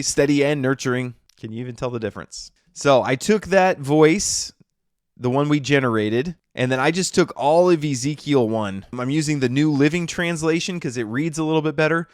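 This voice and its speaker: A man's voice: mid-range voice, dry recording, clean studio sound. A man YouTuber casually talking through his workflow in a chatty tutorial, often checking in with "okay?".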